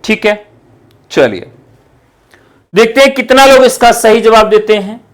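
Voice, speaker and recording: In an online exam-prep lesson, a man with a high, expressive voice talks at a measured pace. He addresses the students as companions, asks questions only to answer them himself, and keeps repeating the important terms.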